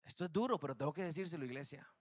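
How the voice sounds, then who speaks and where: A man from Costa Rica preaching a sermon in a church, swinging between loud urgent declarations and hushed, low warnings. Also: lively intonation, racing. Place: church sanctuary.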